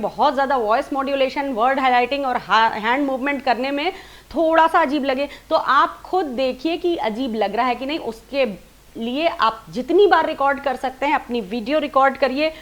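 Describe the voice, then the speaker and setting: A woman with a high voice gives a spoken lesson on presenting, walking through each point step by step. She pauses to demonstrate sample lines slowly and deliberately, stressing the key words heavily.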